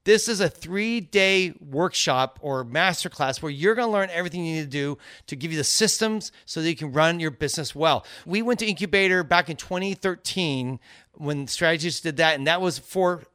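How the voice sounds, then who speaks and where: A man co-hosts a casual business podcast, his voice bright and slightly raised in pitch. He rambles along in an upbeat, chatty way. The sound is dry and close, with no room echo. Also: normal speed, smooth. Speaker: podcast co-host.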